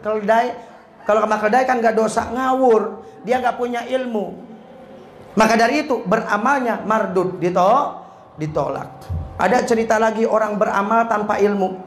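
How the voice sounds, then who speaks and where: Preacher cracking jokes, high voice, echoey prayer room with faint hum. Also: male voice. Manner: jokey, storytelling, quizzes the audience. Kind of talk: humorous Islamic sermon.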